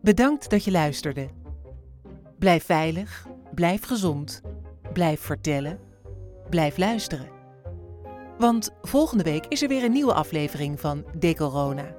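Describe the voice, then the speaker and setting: A woman with a slightly low voice reads a podcast outro in a calm, friendly tone. Faint music sits behind her words. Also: a little slow, pauses often. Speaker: podcast host. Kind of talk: scripted show outro.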